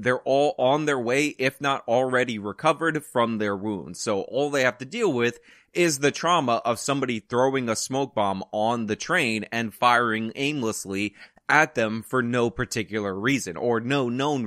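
A man's voice: medium pitch, sharp tone, dry recording. Man, online commentary host, casual opinionated talk, dry room. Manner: conversational, opinionated asides. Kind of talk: casual news commentary to camera.

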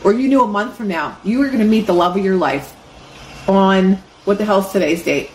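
Animated woman in an echoey room. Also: medium pitch, normal speed. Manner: animated, swearing, quoting her own excited inner voice. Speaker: host. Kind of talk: casual motivational talk. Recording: echoey room with faint noise.

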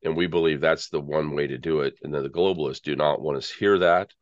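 Very deep-voiced American man on a conspiratorial rant. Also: fairly even intonation, fairly quick, no room sound. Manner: earnest conspiratorial rambling rant. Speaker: interview guest. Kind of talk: conversational political commentary. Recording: dull lo-fi audio.

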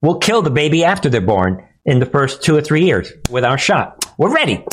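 A man's voice: on the high side, sing-song, normal speed, slight background noise. A man voicing a scheming, gleeful establishment villain in a mocking, pushy, urgent manner during a conspiratorial rant.

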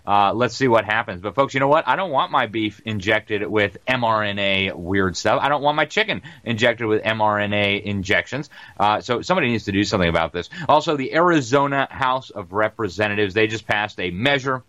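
A man hosting a talk show, delivering rapid, emphatic news commentary and ad reads with many "uh" fillers, calling his listeners "folks.". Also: on the low side, lively intonation, bright, forceful tone, dry recording. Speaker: show host. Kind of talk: fast-talking news commentary and ad read.

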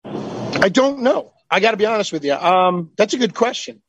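A man's voice: high-pitched, expressive, normal speed, fairly bright tone, highs cut off, a little hiss or hum. A man joining a talk show as a guest, talking bluntly and heatedly with some swearing. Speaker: call-in guest. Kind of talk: casual chat.

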